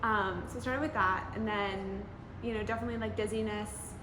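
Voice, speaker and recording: A woman's voice: medium pitch, fairly even intonation, a little fast, noisy background. Chatty eighteen-year-old woman, roomy sound. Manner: chatty, many fillers like "um" and "like". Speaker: interviewee with POTS. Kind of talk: casual interview answers. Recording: roomy sound with music underneath.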